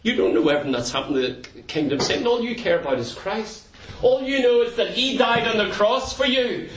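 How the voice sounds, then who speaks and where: A male pastor delivers a fervent, emphatic sermon, hammering points home through repetition. His voice sits high, and the sound is roomy and echoing, picked up from well back in the church. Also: lively intonation, fairly quick. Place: church sanctuary. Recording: echoey hall, distant mic.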